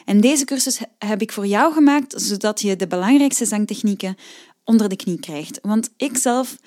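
A woman's voice: medium pitch, normal speed, darkish tone. A Flemish woman in her thirties hosting a singing-lesson podcast, explaining exercises in a chatty way with frequent fillers. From Belgium. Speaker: podcast host and vocal coach.

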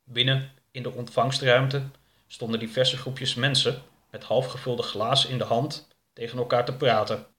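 A man narrating a story in a measured, even way. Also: mid-range voice.

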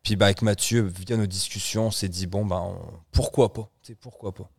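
A man's voice: on the low side, steady tone, brisk, a little mellow, slightly rough. A man in his thirties, born in France, co-hosting a casual podcast and talking in a chatty, rambling way with frequent restarts. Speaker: podcast co-host. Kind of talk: casual chat.

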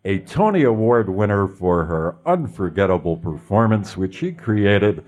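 A man's voice: on the low side, a little slow, highs cut off. A man hosting a radio program about theater, reading scripted anecdotes with playful emphasis and then interviewing a guest. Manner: lively, storytelling delivery with playful emphasis. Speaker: radio show host.

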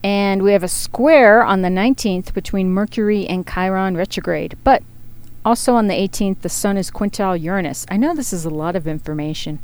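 A chatty woman talking through an astrology forecast in a loose, rambling way, laughing at herself as she goes. Her voice is smooth and clear, and her pitch sits in an ordinary middle range. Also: brisk, darkish tone. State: feeling hot and sweaty. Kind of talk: casual spoken forecast.

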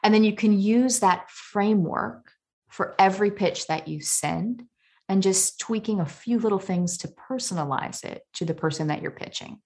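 A woman guest on a podcast, giving advice in an energetic, emphatic coaching way. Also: mid-range voice, normal speed, gravelly. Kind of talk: conversational interview.

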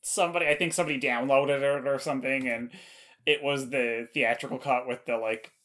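A man's voice: medium pitch, fairly even intonation, fairly quick, fairly bright tone. A man co-hosting a podcast in casual chat, often hunting for words with "like". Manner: loose, searching for words with "like". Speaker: podcast co-host.

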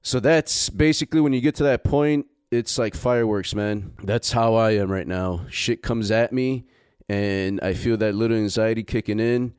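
Low, smooth-voiced man swearing freely. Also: a little mellow, no room sound, clean studio sound. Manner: profane and emphatic, unhurried. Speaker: business owner giving motivational talk. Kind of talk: motivational monologue.

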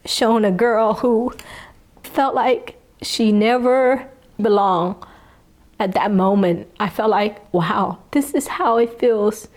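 Speaking with a Southern US accent, a Vietnam-born woman in her fifties whose first language is Vietnamese shares reflective memories of her life in an interview. Her mid-range voice has a darkish tone, and she is earnest and unhurried, pausing as she goes.

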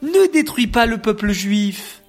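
A woman's voice: fairly high pitch, animated, unhurried, faint music behind, pitched above the performer's own voice. A woman doing a pleading Moses in a storybook. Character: Moses, pleading adult man leader.

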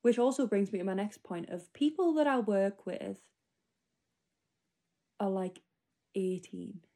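A woman's voice: mid-range voice, expressive, measured pace, warm tone. A 25-year-old woman rambling through a spoken diary entry, casual and full of fillers. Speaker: podcast host.

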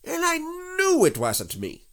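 A man acts out a fussy storybook rabbit, stern and politely exasperated. He speaks properly and pointedly, with a very animated rise and fall. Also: very high-pitched, slow, voice pushed up, full character voice.

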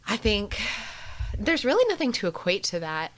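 A woman co-hosting a casual podcast from a spare bedroom, her voice hoarse and low and raspy from a cold. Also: big pitch swings, normal speed, fairly bright tone. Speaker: podcast co-host.

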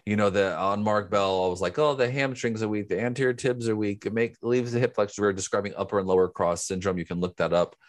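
A man's voice: lowish voice, steady tone, quick pace, few pauses. A man co-hosting a podcast in casual chat, explaining things step by step. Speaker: podcast co-host.

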